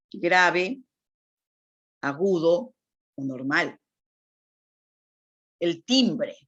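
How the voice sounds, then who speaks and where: A woman teacher giving a lecture on communication, explaining patiently and checking in with frequent tag questions. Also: fairly low pitch. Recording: dull lo-fi recording.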